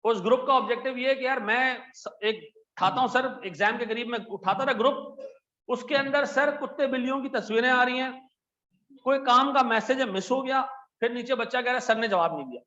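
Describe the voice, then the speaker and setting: Animated Pakistani male teacher, high voice. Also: a little fast, dull audio. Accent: Pakistani Urdu. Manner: chatty, animated, frequent "theek hai ji" asides. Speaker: accountancy teacher. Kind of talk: classroom lecture. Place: classroom with air conditioners and lights.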